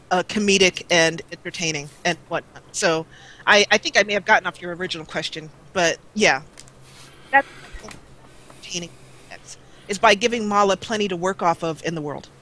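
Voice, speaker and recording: Guesting on a gaming live stream, this gaming roleplay video creator talks in a mid-range voice that sounds pushed and bright. Her chat is casual, rambling and playful, and the audio is poor because she's using a basic, low-grade mic on a live call.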